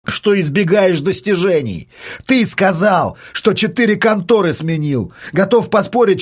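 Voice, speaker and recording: A cold, provocative psychologist, as a male reader plays him, taunting calmly with a husky edge. His pitch rolls up and down with relish as he needles his victim. Read aloud in a storybook voice. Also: exaggerated voice. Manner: calm, mocking, taunting.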